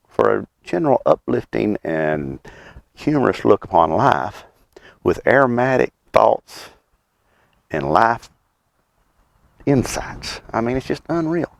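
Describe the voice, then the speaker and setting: A middle-aged man with a Southern US accent and a deep voice full of gravelly creak. He rambles along in an easygoing, folksy way with dry humor, talking as he puffs on a pipe. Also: dry recording. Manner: folksy, unhurried, wry humor; talks while puffing on a pipe. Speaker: host of a homestead and birdwatching channel. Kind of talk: rambling casual vlog chat. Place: outdoors.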